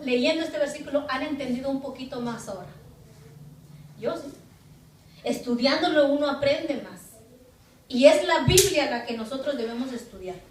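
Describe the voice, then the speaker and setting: A woman's voice: sits high, slight background noise. A woman pastor preaching a sermon emphatically, asking rhetorical questions and acting out what people say. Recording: echoey room, far from the mic.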